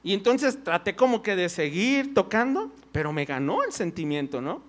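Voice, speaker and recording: A man's voice: sits high, very animated, normal speed. A man preaching a conversational sermon in church. He tells personal stories, full of fillers and "right?" tags.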